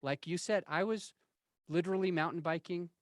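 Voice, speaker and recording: A man's voice: high voice, normal speed, dry recording. A man of forty-one telling candid, self-deprecating stories in a casual interview, rambling and restarting his sentences. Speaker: interview guest.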